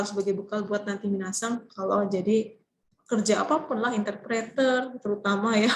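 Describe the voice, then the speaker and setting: A woman's voice: mid-range voice, a little hiss or hum, rough recording. A woman teaching Japanese grammar in an online class, explaining patiently and calling on students to read.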